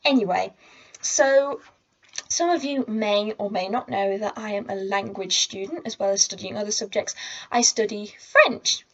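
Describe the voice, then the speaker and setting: A woman's voice: medium pitch, normal speed, fairly bright tone, dull audio. A teenage girl telling a story to camera in a chatty, rambling way, full of asides. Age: teens. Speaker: vlogger. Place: indoors at home. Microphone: laptop or camera mic.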